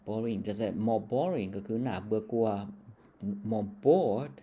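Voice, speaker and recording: A man's voice: lowish voice, lively intonation, slow, mellow, dull audio. A man from Laos teaching English grammar in a patient lesson style, checking in with a short tag word after nearly every phrase.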